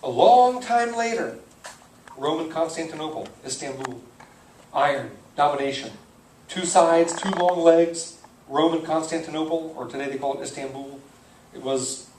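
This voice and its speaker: A pastor with a medium-pitched, darkish voice goes through the Bible verse by verse, captured on a low-quality recording with a distant mic, roomy sound and slight background noise. He speaks conversationally, thinks aloud, and corrects himself on names he puzzles over.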